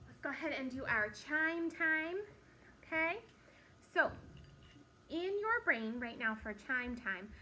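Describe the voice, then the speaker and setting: A woman's voice: sits high, pushed and bright, slight background noise. A woman teacher talking patiently to young children, encouraging them with simple words in a recorded morning meeting from her classroom. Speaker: elementary school teacher. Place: classroom, indoors.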